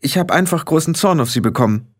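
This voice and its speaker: A man's voice: fairly high pitch, lively intonation, fast talker, voice pushed up. A man reading an audiobook, voicing a shy, hesitant young witch girl in a slightly raised voice. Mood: timid. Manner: timid, hesitant. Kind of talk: audiobook character voice.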